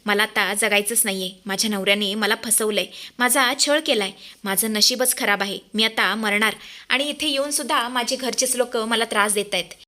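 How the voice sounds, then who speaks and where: A scheming young woman rages and fakes tearful despair, as a woman narrator acts her out. Her voice is bright and raised, with a whiny, melodramatic edge. It is a storyteller's retelling of a TV serial scene. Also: on the high side, moderate pace. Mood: fake wailing. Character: scheming, furious young woman faking a crisis.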